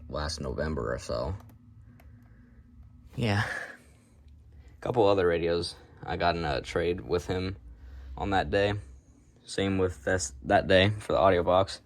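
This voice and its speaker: Low-pitched and offhand, a man shows off his collection in an unscripted, casual way, keeping things matter-of-fact while drifting into rambling side comments.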